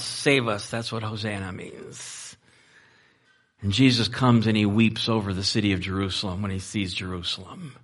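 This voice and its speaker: A male pastor preaching in church with a fairly high, bright and forceful voice. He tells the story with animated emphasis and often backs up to repeat a word before going on. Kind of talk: sermon.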